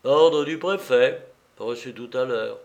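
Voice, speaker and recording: A man voicing a rough police officer who gloats and threatens, in an audiobook reading. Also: medium pitch, takes it slowly. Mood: mocking. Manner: gruff and mocking.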